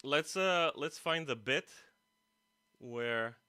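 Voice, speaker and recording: Speaking slowly but animatedly, this man has a mid-range, sharp, smooth voice captured dry, at studio quality. He runs a casual guitar stream, making self-deprecating, rambling asides to his audience and himself, on a badly placed streaming mic with music in the background.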